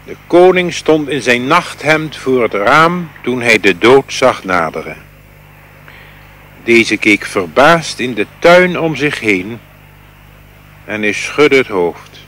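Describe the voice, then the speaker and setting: A man reading a fairy tale aloud in a slow, expressive storytelling manner. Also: medium pitch. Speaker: reader.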